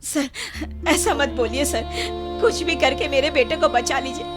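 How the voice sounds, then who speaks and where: A woman's voice: extremely high pitch, expressive, unhurried. A desperate, frantic mother. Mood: pleading. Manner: pleading, frantic cries. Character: desperate middle-aged mother of two. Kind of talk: Hindi film dub acting. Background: film score music.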